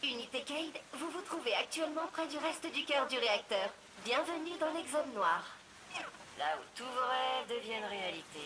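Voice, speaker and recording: An actress voicing a sardonic female ship AI with a robotic voice and flat, dry delivery. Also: high voice, moderate pace, noisy background. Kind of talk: video game voice acting, dubbed.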